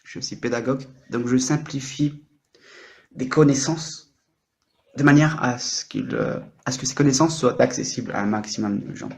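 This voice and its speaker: A very talkative man in his late thirties hops between topics on an improvised livestream, teasing his viewers and poking fun at himself. He speaks through a microphone at a moderate pace in a medium-pitched, gravelly voice.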